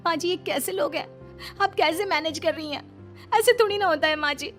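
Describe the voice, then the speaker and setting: Woman doing wronged young daughter in law, high voice, pleading n emphatic, cartoon story, soft music. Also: moderate pace. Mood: upset, pleading.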